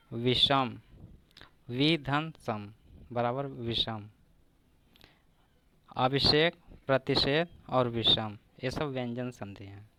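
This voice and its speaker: A man teaching grammar for competitive exams, walking through examples one at a time at an unhurried pace. His voice is clear and resonant, and it sounds close and dry with no room echo. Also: mid-range voice, pushed and bright. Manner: slow, repeating each example word by word. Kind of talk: exam-prep grammar lesson.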